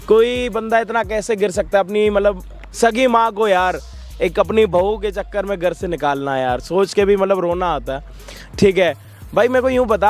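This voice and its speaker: A man hosting a social video, preachy and scolding. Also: high-pitched. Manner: preachy, scolding, addresses viewers as brothers. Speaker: prank and social video host. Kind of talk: emotional street-video presenting.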